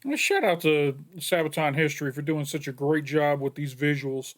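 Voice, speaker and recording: A man hosting a reaction video talks casually, often hesitating with fillers as he works out his thoughts. His voice sits slightly high for a man. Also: moderate pace. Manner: chatty, with frequent fillers and hesitations.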